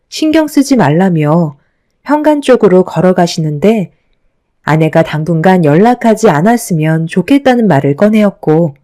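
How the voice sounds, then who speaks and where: A woman narrating a first-person radio story in a calm, even storytelling manner. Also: medium pitch.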